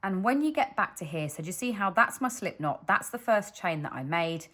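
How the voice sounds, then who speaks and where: Working at a wooden table indoors with only her hands in view, a British-accented crochet instructor patiently demonstrates stitches in a step-by-step tutorial. Her mid-range voice is expressive, a bit bright, and a little fast.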